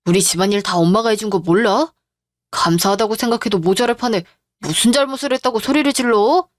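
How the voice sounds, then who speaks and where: A woman's voice: mid-range voice, fast talker, no room sound, clean studio sound, lightly acted. A woman voicing a young husband who sides with his mother, with an accusing, defensive manner. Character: young husband, mama's boy. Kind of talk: radio drama reading.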